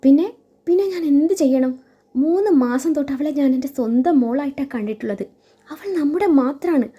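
A woman's voice: high-pitched, fairly quick, dark tone, natural voice. A woman voicing a fiercely protective adoptive mother, pleading and defiant, over dull lo-fi audio with faint music.

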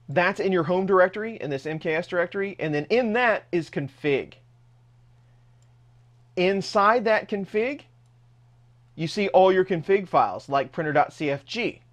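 A man narrating a screen-recorded tech tutorial step by step in a casual, plain way. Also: high voice. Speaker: host of a 3D printing tech channel.

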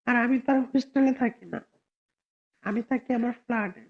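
A hoarse woman with a cold, hosting a casual live stream and arguing sharply with viewers. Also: a little high, a little fast, narrow, tinny audio. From Bangladesh. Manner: argumentative, answers viewers sharply.

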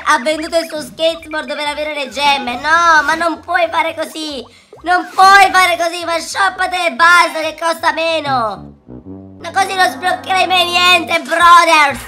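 Hyper little kid voice, high and squeaky, squeals and yells, game music going. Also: male voice, heavily acted. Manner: squealing, shouting and sing-song outbursts. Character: hyper excitable little boy, giggly and dramatic. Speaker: YouTuber. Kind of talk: gaming reaction video.

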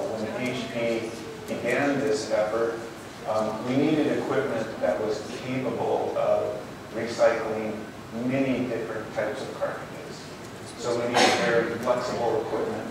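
A man on stage giving a conference keynote in a hotel ballroom, friendly and loose with frequent fillers. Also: on the low side. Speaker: program manager giving a keynote. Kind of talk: conference presentation. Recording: echoey ballroom from far off with hiss.

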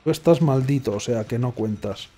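A man's voice: mid-range voice, moderate pace, mellow. A man giving casual let's play commentary, sarcastic and rambling, often muttering to himself. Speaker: gaming streamer. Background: faint game music.

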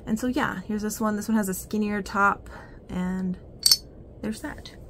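A woman's voice: medium pitch, steady tone, unhurried, very noisy. A woman chatting casually through a haul vlog, rambling and giggling with many ums and restarts. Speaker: vlogger showing an oddities haul.

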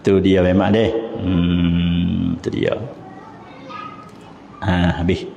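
A man's voice: sits low, monotone, drawn-out words, vocal fry, warm tone, a little hiss or hum. A man with a Patani Malay accent giving an informal religious lecture in a mosque, chatty and explanatory, chanting verses now and then. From southern Thailand. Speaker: religious teacher. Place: mosque hall. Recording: echoey hall, dull lo-fi sound.

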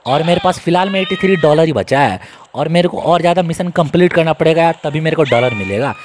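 A young man, giving casual, excitable, joking commentary on a video game as he plays and talks to his viewers. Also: on the high side, quick pace, a little hiss or hum. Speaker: gaming YouTuber.

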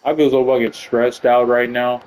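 A man giving excitable, profane live commentary while playing a video game. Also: mid-range voice, moderate pace, a little hiss or hum, low-quality recording. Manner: excitable, profane, swings between panic and triumph. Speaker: gaming channel host. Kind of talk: live let's-play commentary.

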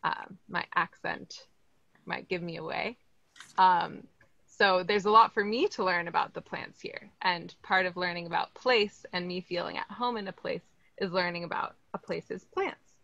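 A plant educator in her thirties from Los Angeles, California, with an American accent, leads an upbeat online plant lesson from an indoor greenhouse, asking her audience questions. Her low-leaning voice is creaky, bright and forceful at a measured pace with no room sound, picked up by a laptop or webcam in slightly dull video call audio.

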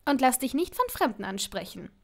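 A woman's voice: sits high, sing-song, brisk, heavily acted. A woman reading as a nervous, proud young woman.

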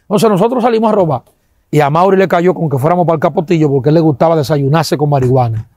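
A man with a Dominican accent giving an animated testimony, acting out sounds and quoting people, with religious exclamations. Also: on the high side, fast, no echo, studio quality.

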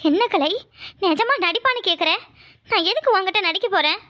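A bossy young village wife fires off orders in a very high, fast voice, as a woman acts her out. Her tone is bright and sharp. She retorts quickly in a cartoon scene. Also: lively intonation, heavily acted. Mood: coaxing. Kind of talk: cartoon voice acting.

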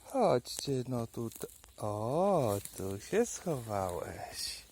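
Male forager-vlogger outdoors in woods; unhurried gravelly voice, chats fondly to mushrooms, occasional hushed asides. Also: mid-range voice, sing-song, a little hiss or hum. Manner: playful, talks fondly to mushrooms like pets; drops to hushed murmurs now and then. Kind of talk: casual narration while foraging. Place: forest, outdoors.

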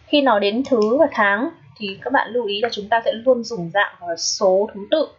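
A woman's voice: on the high side, normal speed, slightly rough, highs cut off. A woman English teacher, patiently walking students through an exam review and checking in with frequent rhetorical questions.

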